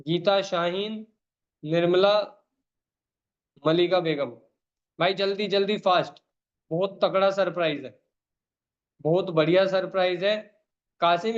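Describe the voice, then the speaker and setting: A man hosting an online meeting over a video call, calling out names and urging people on in an emphatic, repetitive way. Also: high voice. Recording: dull lo-fi call audio.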